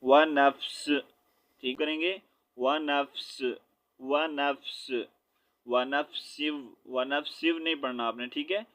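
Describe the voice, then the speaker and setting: Smooth-voiced man teaching recitation, flat delivery. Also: fairly high pitch. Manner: spells out letters slowly, then drawn-out recitation; quick, patient explanations between recitations. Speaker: Quran teacher. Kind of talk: tajweed lesson, spelling and reciting. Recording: dull lo-fi recording.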